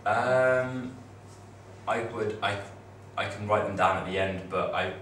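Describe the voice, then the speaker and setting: A young man with a lowish, slightly bright voice speaks slowly on a study-abroad panel, chatting loosely with fellow students and filling his talk with fillers and restarts. He's in a classroom with a projector screen, picked up by a far-off camera mic, so the audio is echoey and noisy.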